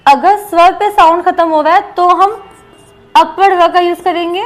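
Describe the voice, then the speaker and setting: A woman's voice: very high voice, fairly even intonation, normal speed, soft background music. An Indian woman teaching a shorthand lesson, explaining rules step by step and repeating each example aloud.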